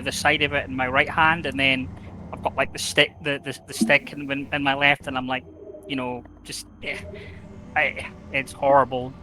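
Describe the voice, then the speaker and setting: Halting man chatting over clear noise. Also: on the high side, bright, forceful tone. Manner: halting, stammering, repeats words. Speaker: co-commentator. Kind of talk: casual chat. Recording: clearly noisy background.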